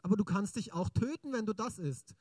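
A man preaching a sermon in a lively, chatty way, often asking the congregation questions. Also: high voice, fairly quick, breathy edge, no echo.

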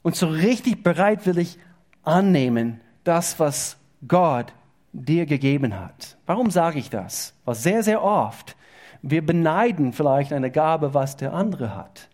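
A male pastor preaching a sermon in a halting way, often repeating words as he goes. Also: fairly high pitch, lively intonation, darkish tone. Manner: halting, repeats words, informal slightly unidiomatic German.

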